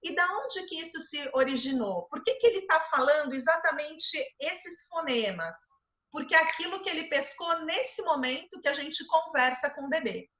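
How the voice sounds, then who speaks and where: Bright-voiced woman teaching. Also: sits high, expressive, moderate pace, reverberant. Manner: conversational, explains with examples and filler words. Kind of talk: informal lecture.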